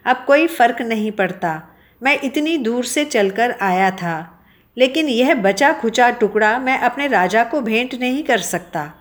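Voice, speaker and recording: A woman's voice: fairly high pitch, lively intonation, a little slow. A woman voicing an apologetic farmer. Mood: sad. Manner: apologetic, hesitant. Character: humble, anxious male farmer.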